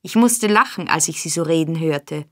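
A woman's voice: sits low, normal speed, a bit bright, dry recording, clean studio sound. A woman voicing a lazy, sly young male informer in an audiobook, with a drawling, offhand delivery.

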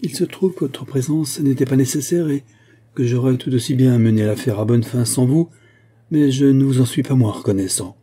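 A man voicing a curt, self-satisfied young police inspector in an audiobook reading, his own husky voice lifted slightly. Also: medium pitch, moderate pace, warm tone, close to an everyday voice. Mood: stern.

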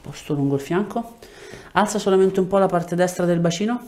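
Here a chiropractor speaks in a high-sitting, quick voice with a darkish tone, using short directive phrases. He explains and instructs a patient hands-on in a small indoor clinic treatment room, picked up by a lapel microphone.

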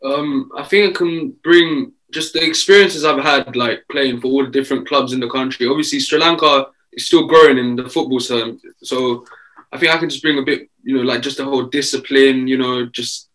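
An eighteen-year-old man from England answering interview questions in a relaxed way over a video call, with plenty of fillers. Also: medium pitch, normal speed, rough recording. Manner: relaxed, easygoing, many fillers. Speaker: footballer guest. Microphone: video call webcam.

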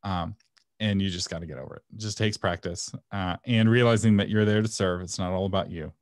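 A man's voice: low voice, fairly even intonation, fairly quick, no room sound, clean studio sound. A man presenting a webinar and answering audience questions in a casual, frank way, often laughing and sometimes breaking into a passionate rant. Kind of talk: casual Q&A teaching.

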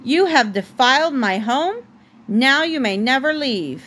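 A woman's voice: sits high, big pitch swings, unhurried, a bit bright, heavily acted. A woman voicing a furious old witch while reading a bedtime story aloud. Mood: angry. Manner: scolding, accusing.

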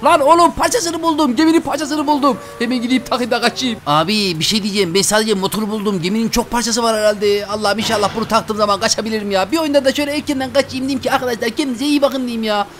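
A man narrating his gameplay to viewers in an excited let's-play style, exclaiming often. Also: very high-pitched, fast talker, hardly any pauses, a little hiss or hum. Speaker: gaming video host.

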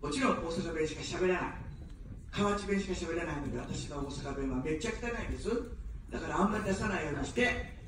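A woman's voice: deep voice, fast, noisy background. A woman running for office gives an evening outdoor campaign speech in standard Japanese, mixing jokes with earnest appeals for votes. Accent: none, standard Japanese. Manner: joking then earnestly pleading. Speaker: election candidate. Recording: very echoey distant street PA sound.

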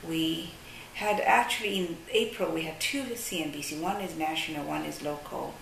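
Low gravelly-voiced woman, hesitant, in echoey office. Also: moderate pace. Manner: hesitant, searching for words with many fillers. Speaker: caviar company representative. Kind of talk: interview, product explanation. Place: sunlit office at a desk. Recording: echoey room, distant mic, faint hiss.

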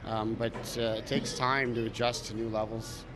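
A man in his forties, a hockey head coach, answering reporters after a game in a measured, self-critical way with many fillers and restarts, into a cluster of handheld mics. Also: medium pitch, flat delivery, noisy background. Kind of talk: post-game media scrum. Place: arena media backdrop, indoors. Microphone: cluster of handheld recorders and mics.

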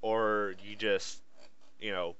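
A man's voice: on the low side, flat delivery, slow pace, a bit bright, smooth. A man giving casual playthrough commentary, sardonic, complaining and sweary. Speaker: gamer. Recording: slightly dull lo-fi mic.

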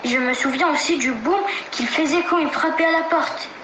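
A woman's voice: high-pitched, moderate pace. A woman reading a children's story aloud as its narrator. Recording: roomy recording with faint noise.

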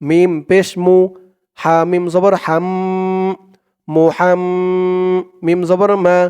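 Slow, clear-voiced Bangladeshi male recitation teacher. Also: high-pitched, level tone, a little mellow. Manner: slow, drawn-out chanting of the Arabic phrases, plain spoken explanations. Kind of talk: spelling out Arabic recitation syllable by syllable.

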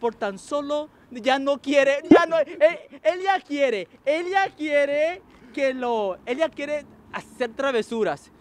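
A man with a very high voice hosts a lively street quiz. He teases his guest and hops between Spanish and English as he teaches. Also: slow, background noise. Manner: animated, teasing, switches between Spanish and English. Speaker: game show host and English teacher. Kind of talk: playful street quiz show.

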